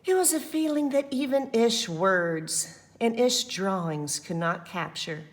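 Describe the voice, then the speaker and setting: Speaking a little high and a little slowly, this woman reads a picture book like a school librarian would. She's affectionate and expressive, and she chats encouragingly with the young listeners along the way.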